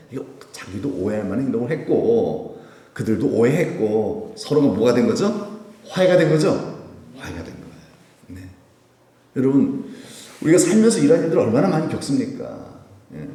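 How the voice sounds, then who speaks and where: Animated male pastor in an echoey church. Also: medium pitch. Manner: animated, conversational preaching, asks the congregation questions. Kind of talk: sermon. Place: church sanctuary. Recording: echoey church hall, mic at a distance.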